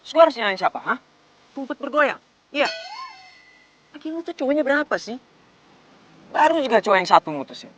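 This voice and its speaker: A man's voice: extremely high pitch, very animated, a bit bright, a little hiss or hum, full character voice. A young actor with a Jakarta accent playing a blunt, hot-tempered male driver who talks in brash slang. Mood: irritated. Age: young adult. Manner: quick to snap, brash slang.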